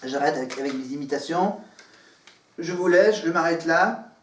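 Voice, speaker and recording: A man's voice: on the high side, normal speed, slight background noise. A man vlogging from his living room, talking to the camera in a meandering way with many fillers and restarts. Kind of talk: rambling casual monologue to camera. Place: living room at home, in front of a green screen. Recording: echoey room, far from the mic.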